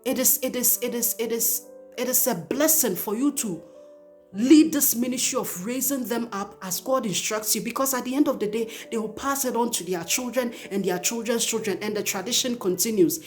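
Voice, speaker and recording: A woman's voice: on the high side, normal speed. Woman host, earnest pleading exhortation, faint music underneath. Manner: earnest, pleading, emphatic repetition. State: emotional. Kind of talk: spoken exhortation to parents.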